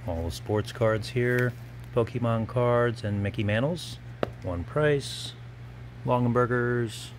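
Filming on his phone as he walks a gallery warehouse, this man runs through the auction lots item by item in quick, short bursts. He has a medium-pitched voice, and the recording has a slight hiss or hum.

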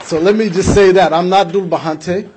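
At a community event in an indoor hall with flags behind, a young American man speaks emphatically into a podium microphone on a stand, gesturing and repeating points for effect. His high-pitched, darkish voice has fairly even intonation at a moderate pace, with a little hiss or hum in the recording.

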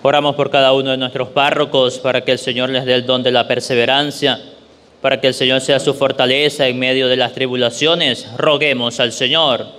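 Echoey, bright-voiced priest reciting. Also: male voice, mid-range voice, flat delivery, brisk. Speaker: priest at Mass. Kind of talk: solemn liturgical recitation and prayer. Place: inside a small church. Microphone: handheld microphone through church speakers. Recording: echoey church hall, long reverb, background noise.

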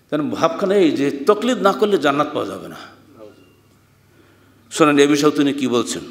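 An older Bangladeshi man giving a Friday sermon, reading Arabic quotes slowly, explaining them and asking the listeners questions. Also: on the high side. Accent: Bangladeshi Bengali. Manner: asks the listeners rhetorical questions. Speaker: preacher. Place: mosque hall at a madrasa. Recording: echoey hall with long reverb.

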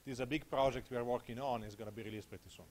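A man from Italy in his thirties speaks rapid-fire at a technical conference, his medium-pitched voice steady in tone and a little mellow. He holds a handheld mic in a small room and has an Italian accent. He keeps it conversational, frequently asking "okay?"

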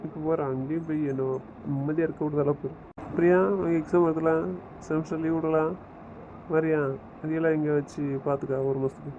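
A man's voice: on the high side, little pitch movement, fairly quick, long pauses. A man chatting on a family phone call as an older brother, teasing and scolding in casual banter. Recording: tinny phone line with faint noise.

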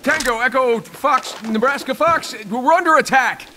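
In this game voice acting, an actor plays a cocky, wisecracking male squadmate guiding a rookie through a tutorial with teasing jokes. His fairly high voice is very animated and bouncy at a moderate pace, with heavy background noise behind it.

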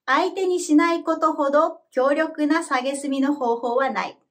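A woman with a high voice teaches a language lesson from a script. She explains each word in a clear, measured way. Her delivery stays calm and even, like a teacher guiding learners through the material. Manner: slow, careful model pronunciation for repeating.

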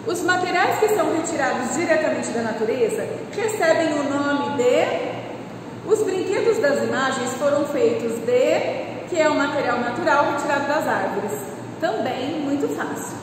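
High-voiced teacher in an echoey classroom. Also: female voice, animated, normal speed, distant mic, noisy background. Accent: Brazilian Portuguese. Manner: patient, explains step by step to children. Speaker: primary school teacher. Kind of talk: online class lesson. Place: classroom with chalkboard. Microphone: camera across the room.

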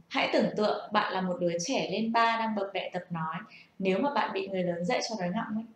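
With a mid-range voice and a bit of background noise, a young woman who taught herself English shares tips in a relaxed, patient lesson. She keeps asking the listener rhetorical questions, and her voice echoes around the room.

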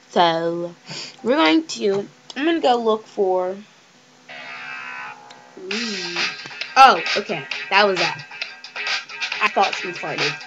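A young woman giving chatty, excitable commentary over a life-sim game she is playing. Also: medium pitch, dull audio. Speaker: let's play gamer.

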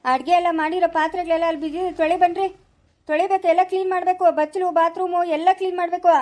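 A woman's voice: very high voice, steady tone, racing, darkish tone. A woman with a Chikkaballapura Kannada accent playing a strict female jail guard who barks orders. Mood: bossy. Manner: bossy, ordering.

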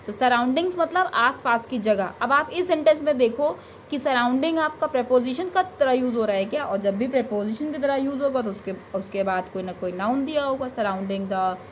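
A young woman teaching an English grammar lesson, explaining patiently, reading example sentences slowly and often checking that students follow. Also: high-pitched, slight background noise.

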